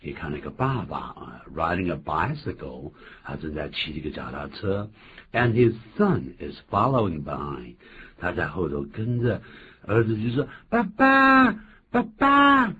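A man co-hosting a bilingual radio English lesson, explaining phrases in a lively way and acting out short quotes. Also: extremely low pitch, moderate pace, husky. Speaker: English teacher co-host. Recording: phone-like lo-fi with faint hiss.

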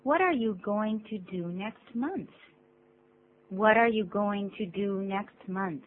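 A woman co-teaching a radio English lesson, reading model sentences clearly and repeating each. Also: mid-range voice, slow. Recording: tinny phone-like radio recording with faint hum.

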